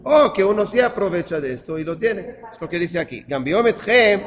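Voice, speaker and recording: A male teacher giving a class on scripture. He reads verses slowly and then explains them, asking himself what they mean. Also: high voice, sing-song, long reverb tail.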